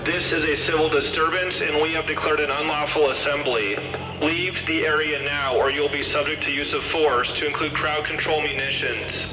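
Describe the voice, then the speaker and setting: Man, police announcer, loudspeaker sound cannon blast, firm commanding dispersal order, echoey street, clear music behind. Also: a little high, steady tone, recorded from a distance. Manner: firm, commanding, slow and deliberate. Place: outdoor street protest.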